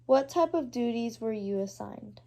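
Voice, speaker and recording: A woman interviewing her uncle at his house, reading prepared questions in a steady, formal way. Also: fairly high pitch, normal speed, creaky. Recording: poor quality home recording.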